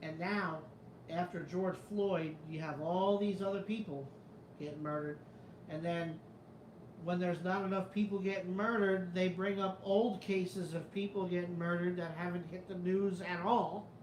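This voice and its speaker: In a rough recording from an echoey room with slight background noise, a high-pitched man speaks in a steady tone, a little slowly. He hosts a casual live chat, reading it aloud, and from the New York area comes his on-and-off New York Italian-American accent, along with rambling skepticism and plenty of swearing.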